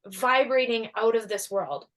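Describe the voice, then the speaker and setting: A woman telling a personal story as a guest in a casual interview, animated and full of fillers, acting out what people said. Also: a little high, a little slow. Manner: animated, acts out quoted voices, many fillers. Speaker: guest, energy healer and coach.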